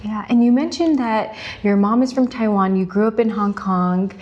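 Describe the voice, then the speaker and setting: A woman's voice: mid-range voice, moderate pace, darkish tone, lo-fi sound. A woman hosting a casual interview podcast, encouraging her guest with frequent listening murmurs. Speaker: podcast host.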